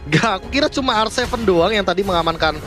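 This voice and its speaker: A man's voice: high voice, expressive, quick pace, fairly bright tone, faint music behind. An Indonesian man giving analytical commentary on a video game match.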